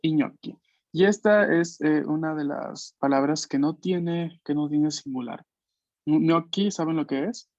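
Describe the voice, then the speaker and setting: A man's voice: a little high, unhurried, darkish tone, no echo, lo-fi sound. A man teaching an online language class, explaining patiently and checking in with frequent questions. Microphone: video call.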